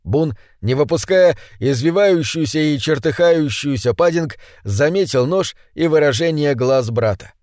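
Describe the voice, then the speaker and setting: A man narrating an audiobook with measured, dramatic reading. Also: a little high, expressive, a little mellow, dry recording, studio quality. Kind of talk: scripted narration.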